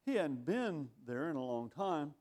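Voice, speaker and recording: A man's voice: a little high, sing-song, unhurried, a little mellow. A man in his sixties preaching a sermon, reading scripture and asking rhetorical questions in a wry, conversational way. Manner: reads scripture in older phrasing.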